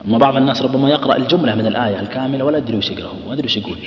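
A man's voice: mid-range voice, rapid-fire, slight background noise. A man teaching Quran recitation, quizzing his listeners and sounding out letters as he goes. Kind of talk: lecture on letter articulation. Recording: echoey hall, dull cassette tape.

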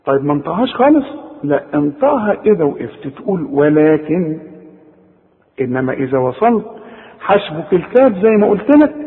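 A man's voice: a little high, big-room sound, narrow, tinny audio. A man with an Egyptian accent teaching Quran recitation rules, speaking straight to the student and stretching out the example words he recites. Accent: Egyptian Arabic. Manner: addresses the student directly, drawn-out recited examples. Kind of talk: tajweed lesson.

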